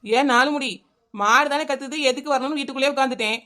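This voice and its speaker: A cheeky, stubborn village neighbour, played by a woman talks back with mocking Kanyakumari Tamil banter. Her voice is high and bright. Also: quick pace. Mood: sassy. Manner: sassy backtalk, mocking.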